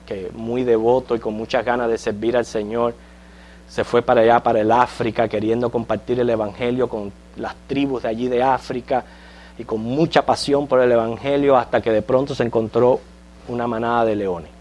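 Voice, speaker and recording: Man, Sunday school Bible teacher, chatty lesson style with frequent check-ins and light jokes, mid-pitched voice. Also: darkish tone, a little hiss or hum. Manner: conversational, checks in with listeners with frequent questions; tells light jokes to the class.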